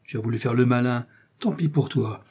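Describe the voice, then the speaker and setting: A man's voice: medium pitch, fairly quick, darkish tone, breathy edge, natural voice. A man reading an adventure novel aloud, voicing a burly, brutal ship captain who threatens and sneers. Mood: menacing.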